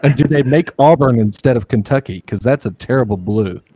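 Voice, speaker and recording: A man hosting a podcast, teasing his guests with quick quips. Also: medium pitch, mellow, slightly rough, no echo. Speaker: podcast host. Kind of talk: casual banter.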